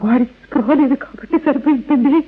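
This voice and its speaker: A high, pleading young mother played by a woman in an old radio play. She is devout and distraught, and the recording is thin and tinny. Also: brisk, close to an everyday voice. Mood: anxious, distraught. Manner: pleading, tremulous, emotional. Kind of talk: old radio drama acting.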